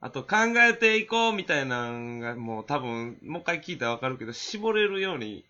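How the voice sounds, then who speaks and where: A man with a Kansai accent co-hosting a casual comedic podcast chat, animated and given to loud emphatic bursts. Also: medium pitch, fairly quick. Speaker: podcast co-host. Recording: dull lo-fi podcast audio.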